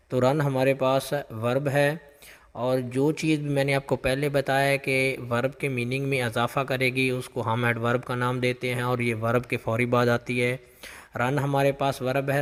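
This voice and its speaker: Flat-voiced man explaining exam English. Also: mid-range voice, long reverb tail. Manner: repetitive, reads English examples slowly. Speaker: test prep teacher.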